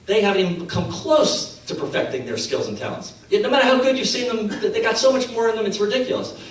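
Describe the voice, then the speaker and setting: A middle-aged man with a fairly high voice tells stories to a crowd, animated and acting out every quote. He is recorded in a very echoey hall from some distance, with faint room noise behind him. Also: quick pace. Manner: animated, acts out quotes, laughs at his own stories. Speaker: speaker at a faith conference. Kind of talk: storytelling talk to an audience.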